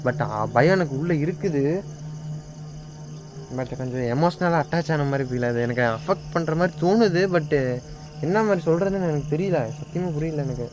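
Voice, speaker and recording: A man's voice: fairly high pitch, moderate pace, over music. A man ghost-hunting in an empty house at night, fearful and pleading as he calls out to a spirit.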